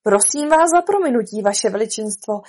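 A woman's voice: fairly high pitch, animated, a little mellow, breathy edge. A woman voicing a nervous hatter who speaks apologetically in a trembling voice.

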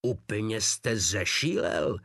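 A man's voice: lowish voice, lively intonation, a bit bright, slightly rough, no room sound, studio quality, heavily acted. A man voicing a pompous Prussian army captain who shrieks orders and loses his temper. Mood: furious. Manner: shrieking, losing control.

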